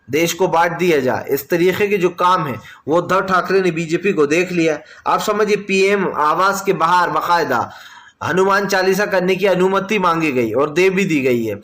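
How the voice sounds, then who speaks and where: A man's voice: sits high, fairly bright tone. A man delivering opinionated political news commentary, addressing viewers directly as friends in an argumentative, insistent way.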